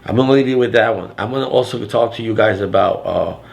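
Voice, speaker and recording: A deep, loud older man speaks in a low register, telling a long story in a casual vlog. He rambles, restarts his sentences and drops in fillers as he goes. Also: fast talker, gravelly. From Florida. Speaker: vlogger.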